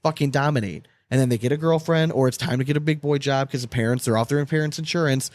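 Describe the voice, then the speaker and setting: A man's voice: medium pitch, fast talker, a little mellow, no echo. A man hosting a casual podcast conversation, talking informally and repeating himself for emphasis. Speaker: podcast host.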